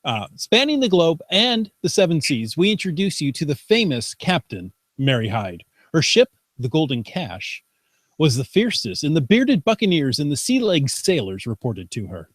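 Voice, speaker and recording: A man co-hosting a casual podcast, chatty and playful as he reads the news aloud. His pitch moves around a lot. The sound is dry and close, like a call recorded at home. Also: dry recording. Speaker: podcast co-host. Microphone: video call.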